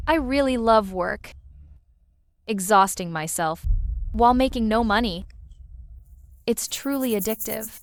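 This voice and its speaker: A woman's voice: fairly high pitch, unhurried, pauses often, dry recording. A woman playing a sardonic, hurt young designer in an English-dubbed drama, with an emphatic delivery. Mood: wry.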